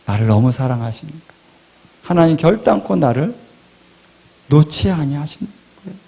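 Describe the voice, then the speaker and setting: A male pastor preaching a sermon, asking rhetorical questions and swinging between loud and hushed delivery. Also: fairly high pitch, expressive, moderate pace, creaky, breathy edge. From Korea.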